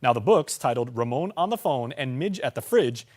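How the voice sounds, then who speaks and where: A man's voice: mid-range voice, animated, normal speed, a little mellow. A man reading scripted local television news as the anchor.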